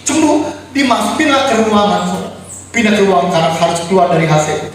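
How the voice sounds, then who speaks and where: A man's voice: sits high, lively intonation, quick pace. A man preaching an emotional sermon, grieving and crying out in anguish as he testifies to his listeners. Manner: grieving, cries out and shouts in anguish; addresses listeners as brothers and sisters. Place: apartment worship room. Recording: very echoey room, distant mic, faint noise.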